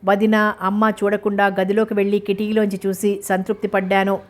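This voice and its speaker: Woman reading a novel out loud, steady pace, pretty flat pitch, mid voice. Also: fairly quick. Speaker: narrator.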